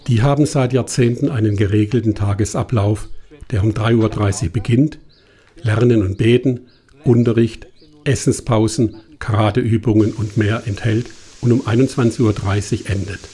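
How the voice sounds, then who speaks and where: A man narrating a travel documentary in a calm, measured scripted voice-over. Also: lowish voice.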